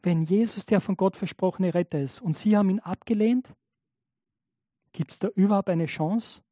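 A man's voice: high-pitched, normal speed, mellow, no echo, studio quality. A man preaching a sermon in a conversational way, often checking in with the congregation. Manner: acts out biblical and imagined speakers in changed voices.

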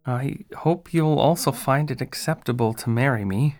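A woman's voice: very deep voice, normal speed, darkish tone, soft background music. A woman voicing a brave young prince in an audio drama, earnest and heroic.

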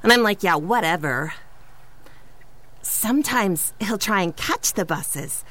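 In a comedic audio drama's mock interview, a woman plays a superhero's offhand, exasperated, chatty acquaintance, all slang and eye-rolling. Her mid-range voice is a bit bright and lively in intonation, and she takes it slowly.

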